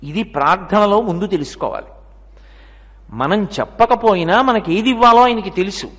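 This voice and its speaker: A man's voice: sits high, normal speed, fairly bright tone. A man with a Telugu accent giving a devotional discourse, asking the audience rhetorical questions and using everyday examples. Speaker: religious discourse speaker. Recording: long reverb of a lecture hall.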